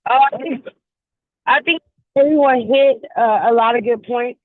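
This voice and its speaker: A woman calling in to a radio talk show, heard over a phone line, speaking in an earnest, measured way. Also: on the high side, dry recording. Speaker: caller.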